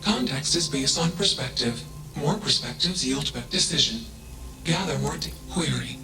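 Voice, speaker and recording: An actor playing an emotionless male artificial intelligence in a video game, speaking in a flat, machine-like way with clipped one-word status reports. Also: medium pitch, moderate pace, vocal fry, music in the background.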